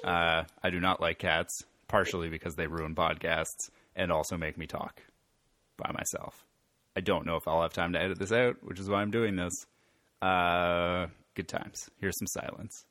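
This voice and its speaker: A man's voice: low voice, little pitch movement, moderate pace, bright, forceful tone, no room sound, clean studio sound. A man co-hosting a podcast, rambling casually about a film and laughing often. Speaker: podcast co-host. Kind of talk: casual chat.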